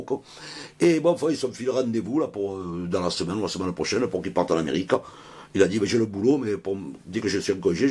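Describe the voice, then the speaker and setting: Man, middle-aged, husky, rambling, slangy comic storyteller. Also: on the low side, darkish tone. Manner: rambling, slangy, full of fillers. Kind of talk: comic anecdote to camera.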